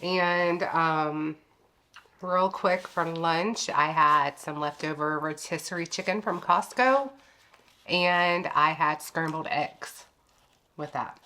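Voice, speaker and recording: A woman with a deep, pushed and bright voice speaks slowly as she co-hosts a keto home cooking vlog. She chats in a casual, laid-back way from her kitchen.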